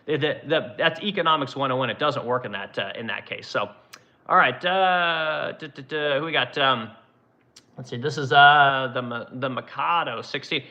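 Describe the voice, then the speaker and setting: Speaking at a normal speed in a mid-range, sharp voice, a man in his forties answers live chat during a casual livestream. He runs a woodworking business and replies to viewers bluntly, with plenty of profanity and rambling.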